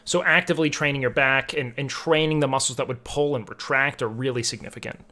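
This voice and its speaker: A young man with a mid-range, sharp-toned voice talks fast and steadily while streaming. He chats casually with his viewers, rambling with lots of filler words and saying "like" often.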